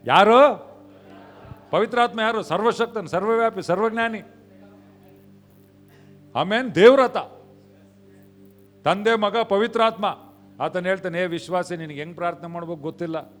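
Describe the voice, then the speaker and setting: A male pastor preaching a sermon in a church, mixing in English phrases, swinging from quiet acted dialogue to shouted peaks. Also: high-pitched, a little slow, pauses often, faint music behind. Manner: mixes English phrases into Kannada.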